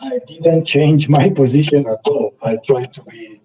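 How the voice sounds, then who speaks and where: A man's voice: medium pitch, warm tone, distant mic. Man with glitchy, robotic internet audio. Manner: hesitant, halting, with many fillers. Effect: glitchy, robotic-sounding, breaking-up internet audio. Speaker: live stream host. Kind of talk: casual online discussion.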